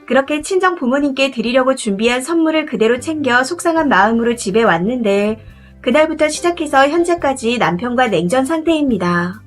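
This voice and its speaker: High-pitched woman reading a story in first person, steady confiding tone, soft music under it. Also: a little fast.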